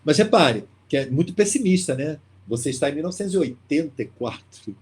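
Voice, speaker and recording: Husky-voiced man teaching a lively class. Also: fairly high pitch, a little fast. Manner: lively, talkative, exclaims and asks rhetorical questions. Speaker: literature teacher leading a course. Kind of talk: casual online class lecture.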